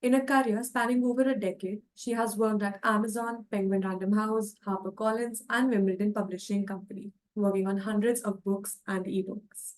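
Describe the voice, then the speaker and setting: A woman's voice: mid-range voice, steady tone, normal speed, a little mellow, rough recording. Woman host reading a formal introduction. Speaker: event host introducing the speaker. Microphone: online call.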